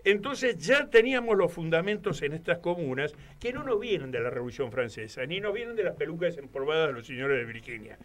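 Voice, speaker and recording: A man with an Argentine Spanish accent, a guest on a radio talk show, rambling through animated anecdotes. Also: fairly high pitch, fairly quick, few pauses. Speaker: guest commentator. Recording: studio radio microphone.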